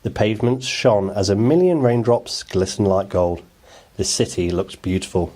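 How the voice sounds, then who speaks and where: Here a man narrates a bedtime picture book for young listeners at a moderate pace. His voice sits slightly low with a dark tone, shaped for storytelling.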